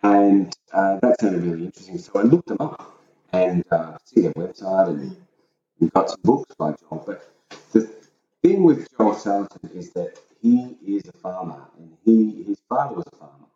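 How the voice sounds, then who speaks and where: Man, very low mellow voice, matter-of-fact, middle-aged, dull echoey recording. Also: normal speed, far from the mic. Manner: plain, matter-of-fact storytelling. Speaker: guest, host's husband. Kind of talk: casual podcast chat.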